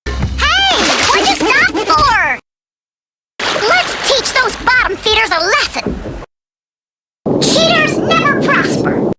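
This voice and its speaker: A woman's voice: very high voice, sing-song, slow, long pauses, music in the background, full character voice. A woman voicing a spirited, bossy female cartoon woodpecker, speaking theatrically with chirpy, emphatic exclamations. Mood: feisty. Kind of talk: animated cartoon voice acting.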